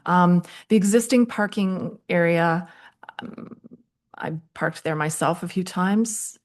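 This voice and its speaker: A woman from town staff fielding questions at a council meeting. She speaks in a measured, slightly low voice, pausing with ums as she weighs options. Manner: measured, many ums, repeats "accordingly". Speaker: municipal staff member.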